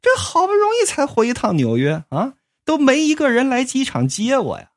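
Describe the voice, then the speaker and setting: Woman doing a cocky young guy, swaggering, stammering, lively swooping pitch. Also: moderate pace. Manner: swaggering, quarrelsome, bursts into flustered stammering. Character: brash cocky young man back from the dead. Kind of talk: comic storytelling.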